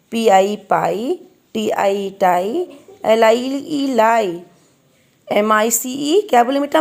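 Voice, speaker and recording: Indian woman teacher with slightly gravelly voice. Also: medium pitch. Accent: Indian English. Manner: spells words letter by letter, calls children "beta". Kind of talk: classroom phonics lesson.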